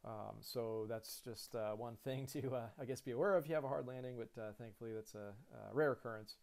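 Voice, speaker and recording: A man in his thirties, an airline pilot, giving a relaxed screen-share lesson on cockpit controls, with lots of fillers and restarts. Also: medium pitch, brisk, vocal fry.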